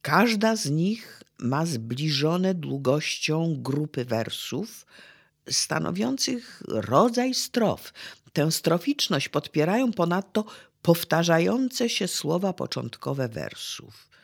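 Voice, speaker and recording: Slow poetry lecture, lots of pitch swing, careful measured talk. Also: sing-song, creaky, breathy edge. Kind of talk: literary lecture with read-aloud verse quotes.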